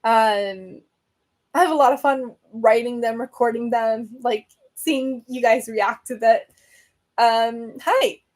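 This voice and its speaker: Answering viewer comments during a live stream of her book podcast, this woman from Venezuela rambles casually, full of fillers and self-corrections. She speaks slowly, in a slightly high voice.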